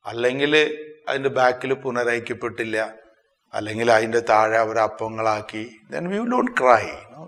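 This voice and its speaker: Male priest, Malayali accent, sermon, sudden rises and drops in loudness, long hall reverb. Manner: expressive, with sudden swings in pitch and loudness; slows down sharply to stress phrases.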